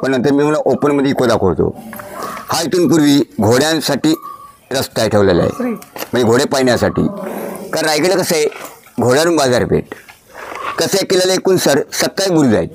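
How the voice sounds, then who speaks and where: A man's voice: mid-range voice, sing-song, a little fast, pauses often. Tour guide man in an echoey stone hall. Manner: addresses the listener as sir, points things out. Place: stone fort chambers and grounds.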